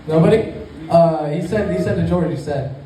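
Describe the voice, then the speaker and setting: A man's voice: on the high side, moderate pace. A young man doing amateur stand-up comedy in front of an audience, with a hesitant, rambling delivery. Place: echoey room in front of a small live audience. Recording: echoey room from far off, clear background noise.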